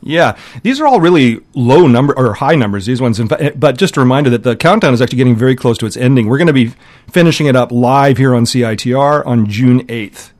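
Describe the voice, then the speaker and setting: A man chats as a guest on a college radio show, his mid-pitched voice easygoing and meandering, full of ums and restarts. He sounds like he is in a studio, unhurried and friendly in tone. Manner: relaxed, rambling, halting with fillers. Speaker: radio guest, music countdown curator. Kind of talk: casual radio chat.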